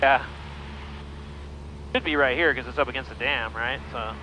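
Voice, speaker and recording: Man piloting, medium pitch, cockpit intercom. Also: normal speed, pushed and bright, low-quality recording. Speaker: private pilot flying a passenger. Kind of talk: casual cockpit chat and pilot radio calls. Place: small plane cockpit. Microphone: aviation headset intercom. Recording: cockpit intercom with faint engine noise.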